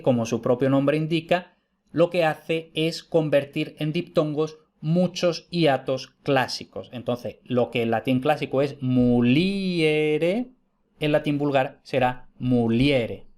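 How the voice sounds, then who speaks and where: Guy from teaching grammar online, patient and repetitive, keeps checking in with his students. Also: a little high. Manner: explanatory, repeats points, checks with "¿vale?". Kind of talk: informal online lecture.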